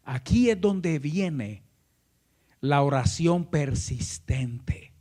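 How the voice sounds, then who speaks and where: A male pastor preaching a fervent sermon that swells into shouting, often calling out to his listeners as brother. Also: a little high, animated, very slow. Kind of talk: impassioned sermon.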